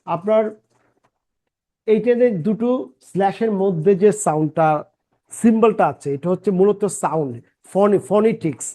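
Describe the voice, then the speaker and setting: A man's voice: high-pitched, warm tone. Male English teacher, repetitive pronunciation drills, checks in with "right?". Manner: drills sounds by repeating them, asks "right?" often. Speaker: English teacher and channel founder. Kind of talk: pronunciation lesson.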